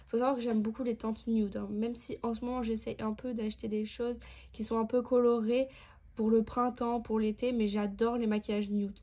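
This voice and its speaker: A woman's voice: a little high, dark tone. A nineteen-year-old woman chatting through a beauty haul video, explaining each product with lots of fillers. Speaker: beauty vlogger.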